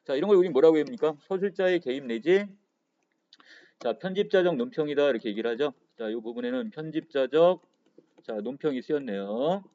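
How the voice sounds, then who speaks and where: A man's voice: mid-range voice, brisk, mellow. A man teaching Korean literature for exam prep, who keeps saying "자" and asks his students questions before answering them himself. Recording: dull lo-fi lecture audio.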